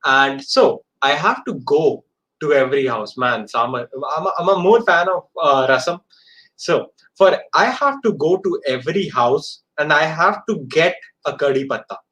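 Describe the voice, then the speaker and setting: A man's voice: on the high side, lively intonation, normal speed, pushed and bright. A man with an Indian accent teaching an informal live coding lesson, often repeating phrases and checking that students follow. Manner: repeats phrases, checks understanding with short tags.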